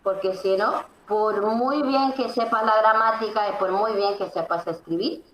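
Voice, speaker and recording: A woman as an interview guest, explaining emphatically and often pausing on fillers. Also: medium pitch, fairly bright tone. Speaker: interview guest, Swedish teacher. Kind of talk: conversational explanation. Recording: echoey room, faint background noise.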